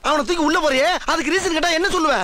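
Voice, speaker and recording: An actor playing a boastful, self-important head constable in a film comedy, with a pompous, blustering manner. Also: male voice, very high voice, rapid-fire, sharp tone.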